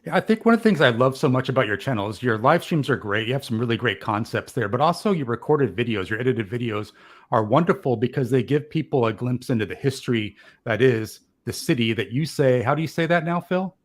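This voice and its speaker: A man's voice: medium pitch, expressive, a little fast. A man hosting a live stream show, upbeat and encouraging, reading out viewer comments. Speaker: host. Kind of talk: live show host chat.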